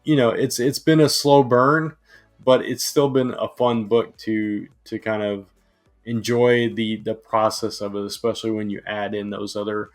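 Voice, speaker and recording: A man hosting a casual comic book review, eager and chatty, with lots of fillers and restarts, his voice a bit hoarse. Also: on the low side, level tone, normal speed, soft background music. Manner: enthusiastic, with many fillers and restarts. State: slightly hoarse.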